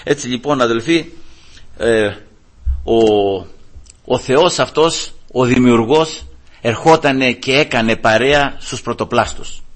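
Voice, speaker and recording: A male preacher delivering a sermon, emphatic and repeatedly addressing his listeners as brothers, with a husky voice. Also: medium pitch.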